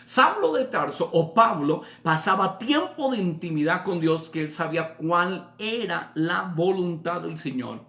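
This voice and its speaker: A man, a pastor, preaching a sermon, asking rhetorical questions and moving between loud emphasis and soft, low lines. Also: animated, unhurried, hardly any pauses, roomy sound.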